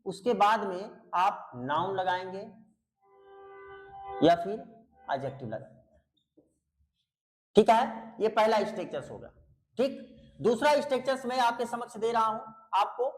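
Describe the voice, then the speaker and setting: A man with a high-pitched voice teaches grammar online, explaining everything in Hindi with pronunciation. He drills each point by repeating it, then asks his students to answer back. He calls them beta in a patient, teacherly way. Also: expressive, measured pace, long pauses, soft background music, low-quality recording. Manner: explains in Hindi, repeating key words and asking students questions; addresses students fondly as beta. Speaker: English teacher. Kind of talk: online English grammar lesson.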